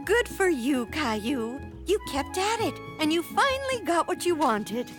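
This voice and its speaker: A woman voicing a gentle, patient older grandmother in a children's cartoon, explaining things kindly and coaxing the little ones. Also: high voice, big pitch swings, measured pace. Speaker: grandmother character. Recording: cartoon soundtrack with music beneath.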